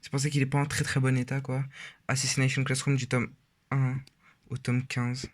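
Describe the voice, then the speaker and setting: A teenage boy talks in a loose, casual way, stopping often on fillers and restarting his sentences. His pitch sits in an ordinary middle range for a young male voice. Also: completely flat delivery, normal speed. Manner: rambling, hesitant with many fillers. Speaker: vlogger. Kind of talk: casual shelf tour.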